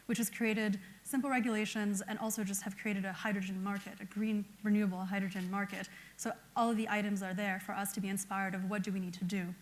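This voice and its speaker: Earnest woman on a panel. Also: medium pitch. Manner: earnest, keeps adding "right?". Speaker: panelist from an electrolyzer maker. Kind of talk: panel discussion.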